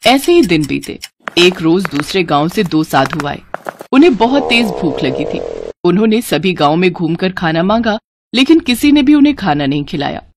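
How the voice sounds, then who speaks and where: A woman narrating a moral cartoon story in an expressive storytelling cadence. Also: fairly low pitch, moderate pace, gravelly, background noise.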